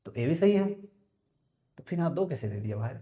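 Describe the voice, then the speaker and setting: With a fairly high, sing-song, warm voice and a brisk pace, a male biology teacher quizzes his way through exam questions in a prep lecture. Each multiple-choice question is repeated and then answered by him, students are called "बालक", and the recording is echoey.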